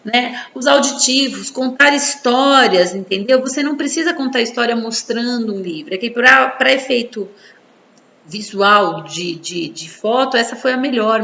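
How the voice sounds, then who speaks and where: Her voice a little high, gravelly, bright, and forceful, this Brazilian Portuguese-accented psychology presenter informally explains infant development, peppering it with tag questions. The recording comes from an echoey room, dull-sounding with faint noise.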